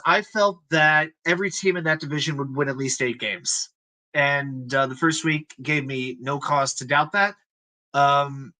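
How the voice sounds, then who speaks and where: A man's voice: on the high side, pushed and bright. A man hosting a live-stream sports talk show, chatting in a loose, hesitant way with many fillers.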